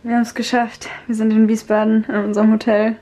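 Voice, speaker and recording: Young woman, twenties, casual vlogger; bright voice over noisy handheld audio. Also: a little high, little pitch movement, quick pace. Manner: chatty, laughs often, mixes in English phrases. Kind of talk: casual vlog chat. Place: car, hotel room and outdoors. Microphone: handheld camera.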